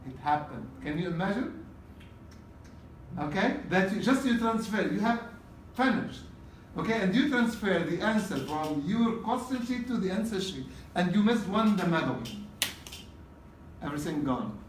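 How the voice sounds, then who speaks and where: Teacher lecturing in an echoey classroom. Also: male voice, sits high, expressive, normal speed, slight background noise. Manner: repetitive, checks in with "okay?". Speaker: exam prep teacher. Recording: roomy classroom from a distance.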